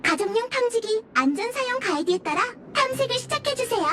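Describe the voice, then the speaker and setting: A woman's voice: extremely high pitch, lively intonation, brisk, heavy background noise. A woman voicing a chirpy little household finder robot in a video game, with a robot voice that beeps and announces each step politely. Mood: announcing. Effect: robot voice, beeping before lines.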